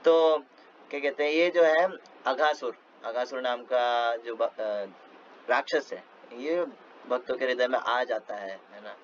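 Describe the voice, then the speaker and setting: Telling stories in a relaxed devotional talk, a male speaker uses many fillers and lets out small laughs. His mid-range voice is a little slow, captured on a dull, lo-fi recording with faint noise.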